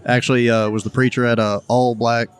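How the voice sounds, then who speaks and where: Fast-talking man from Arkansas. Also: medium pitch, level tone, clean tone. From Arkansas, USA. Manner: quick, profane storytelling. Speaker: podcast guest. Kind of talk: casual chat.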